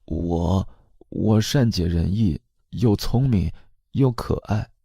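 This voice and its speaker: A man's voice: slow, vocal fry, warm tone, husky, no echo, clean studio sound, heavily acted. A man voicing an anxious grown woman who begs her family for love, pleading and tearful. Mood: needy. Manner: pleading, tearful, high-pitched.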